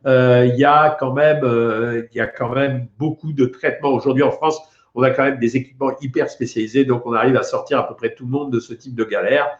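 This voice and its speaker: A man's voice: medium pitch, steady tone, a little fast. A man, a doctor answering viewer questions on a casual live stream, reassuring and chatty as he reads out comments and replies. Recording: echoey room, dull lo-fi sound.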